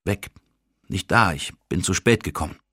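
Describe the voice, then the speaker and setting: A man reading the part of a desperate, grim, overweight middle-aged father in an audiobook, in a husky, tense and pleading voice. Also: deep voice, normal speed, bright, forceful tone, dry recording, clean studio sound, exaggerated voice.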